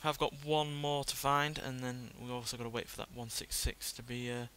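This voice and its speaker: A man's voice: mid-range voice, steady tone, fairly quick, clean tone. A man hosting a video game playthrough with casual, understated, rambling commentary. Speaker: gaming video host. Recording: loud car engine noise behind voice.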